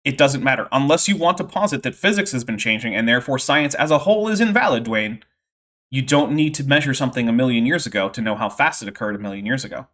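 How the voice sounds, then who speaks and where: A man's voice: medium pitch, animated, fast, fairly bright tone. A man giving casual, sardonic commentary while reacting to a debate clip on his stream, rambling with fillers.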